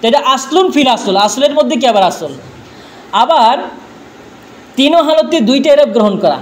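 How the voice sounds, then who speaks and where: High-voiced man drilling a class. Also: expressive, moderate pace, slight background noise. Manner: drilling with repeated questions. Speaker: teacher. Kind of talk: classroom grammar lesson.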